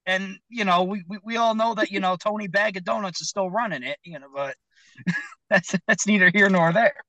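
A man's voice: high voice, normal speed, no room sound, low-quality recording. A man, a magician guest, chatting casually. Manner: animated, chatty, acts out quotes. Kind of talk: casual chat.

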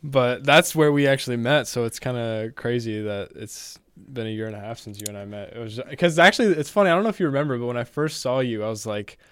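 Smooth-voiced young man, casual interviewer. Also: mid-range voice, lively intonation, quick pace, no room sound, studio quality. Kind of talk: casual chat.

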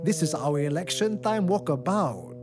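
A man's voice: on the high side, lively intonation, moderate pace, music in the background, pitched above the performer's own voice, lightly acted. Man acting a placating Singlish-speaking politician. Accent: Singaporean, Singlish. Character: jovial, placating male politician on an election walkabout.

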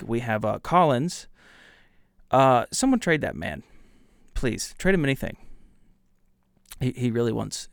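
A man's voice: mid-range voice, creaky, no echo, clean studio sound. A man hosting a casual solo podcast, talking bluntly and trash-talking, with lots of ums and uhs. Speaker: podcast host.

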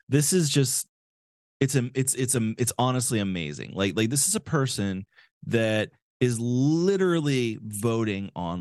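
A male podcast host ranting sarcastically in a casual comedic style, swearing freely. His pitch swings widely with lively intonation, and the sound is dry and close to the mic. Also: dry recording.

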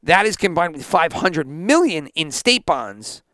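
A man's voice: on the high side, big pitch swings, a little slow, fairly bright tone, no echo, studio quality. A man hosting a sports podcast, ranting indignantly and sarcastically, with plenty of swearing. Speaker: podcast host.

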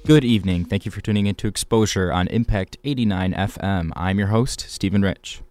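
A young man from Michigan hosting a campus radio interview, asking earnest, measured questions. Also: fairly low pitch, darkish tone, soft background music. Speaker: radio show host.

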